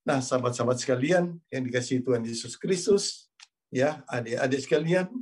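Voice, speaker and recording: A man preaching a sermon over a video call, telling lively stories and acting out the people in them. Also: mid-range voice, a little fast, husky. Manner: animated storytelling, voices quoted characters.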